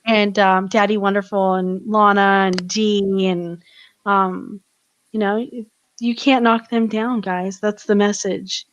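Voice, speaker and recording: A woman co-hosting a casual live stream chat, quick to laugh and reading out viewer comments. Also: mid-range voice, little pitch movement, highs cut off. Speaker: co-host.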